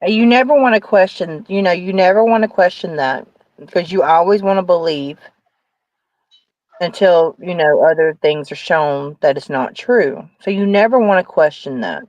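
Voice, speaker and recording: Slightly high-voiced man, dull dry sound. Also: normal speed, a little mellow, no echo. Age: 40s. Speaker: panel guest. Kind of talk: casual group chat.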